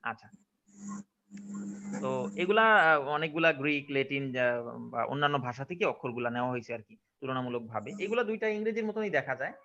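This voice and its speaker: A man's voice: mid-range voice, animated, quick pace, pauses often, pushed and bright, dull audio. A man with a Bangladeshi Bengali accent teaching English pronunciation to a class, often asking whether they follow. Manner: questioning, checks understanding often. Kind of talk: online classroom lesson.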